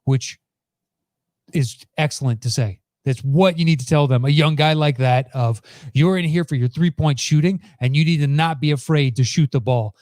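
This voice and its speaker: Male podcast host, slightly higher pitch, dry sound, conversational and blunt sports talk. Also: normal speed, darkish tone, no echo. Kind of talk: casual sports commentary.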